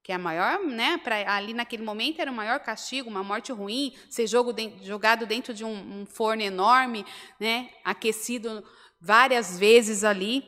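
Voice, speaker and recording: A woman's voice: fairly high pitch, normal speed, bright, forceful tone. A woman with a Brazilian Portuguese accent preaching a sermon. She retells a story and swells into emphatic appeals to her listeners. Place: church hall, indoors. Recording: long church reverb.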